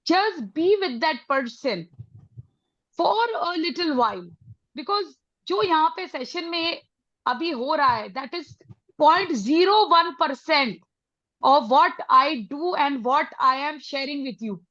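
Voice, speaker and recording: A middle-aged woman with an Indian accent leading a motivational parenting session, mixing Hindi and English with emphatic, drawn-out phrases. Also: high voice, expressive, a bit bright, no room sound, dull audio. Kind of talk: motivational talk to a live group.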